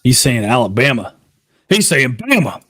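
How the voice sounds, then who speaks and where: A man's voice: mid-range voice, big pitch swings, normal speed, a bit bright, breathy edge, no room sound, clean studio sound. A man co-hosting a live college football reaction show, reading out scores and viewer comments as he argues. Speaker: co-host.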